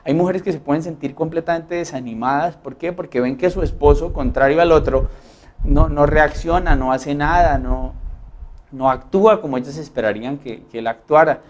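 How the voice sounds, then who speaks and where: A male pastor with a Colombian Spanish accent preaches a Sunday sermon in a slightly high voice at normal speed. He earnestly acts out the complaints and prayers he quotes.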